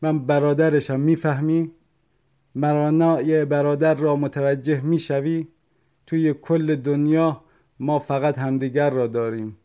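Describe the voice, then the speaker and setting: A man's voice: a little high, level tone, clean tone, close to an everyday voice. Man acting as a furious grieving brother. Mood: pleading angry. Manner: shouting, pleading. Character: desperate grieving brother, adult man, angry.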